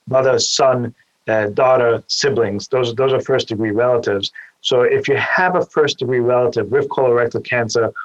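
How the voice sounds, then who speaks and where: A guest surgeon from Austria answers interview questions, explaining things with care. His voice sits in the mid range with the high frequencies cut off, and he tends to repeat a small word whenever he begins a new point.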